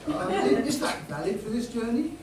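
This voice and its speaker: A hapless, earnest male passenger, played by a man on a pantomime stage. He tells comic tales in a high voice. The hall recording is echoey, far off and noisy. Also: very animated, a little fast, exaggerated voice. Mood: sheepish.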